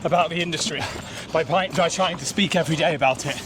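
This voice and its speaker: A man's voice: on the high side, quick pace. A man interviewing in a casual, chummy way while running outdoors. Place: outdoors in an urban area, on the move. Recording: clearly noisy outdoor urban recording.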